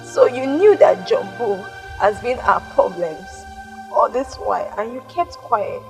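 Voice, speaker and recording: A woman's voice: on the high side, expressive, unhurried, music in the background. A woman with a Nigerian accent playing a scornful young wife who sharply confronts her husband in a film. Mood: scolding. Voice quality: sharp, scolding. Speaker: angry wife.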